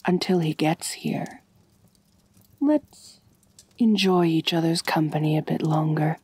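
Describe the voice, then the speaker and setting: In full character voice, a woman speaks deeply and breathily as an ancient, wealthy vampire mistress in an intimate ASMR roleplay. She is genteel, measured, doting and gently dominant, tender in mood, with no room sound around her.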